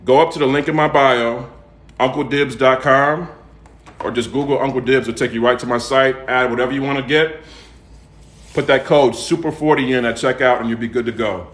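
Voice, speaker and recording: A man from the United States with a Southern accent, hosting a casual cooking livestream and pitching his products in a folksy, repetitive way with frequent check-in tags. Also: steady tone, brisk, fairly bright tone. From United States, raised in Atlanta. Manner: folksy, repeats himself and tags phrases with "okay?" and "all right?". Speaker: home cook and seasoning seller hosting a livestream. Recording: echoey, roomy sound.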